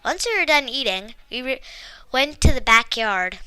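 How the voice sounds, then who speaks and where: A woman reading a story aloud with lively expression and small slips. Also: high voice, normal speed, smooth, no echo, poor audio. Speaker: story reader.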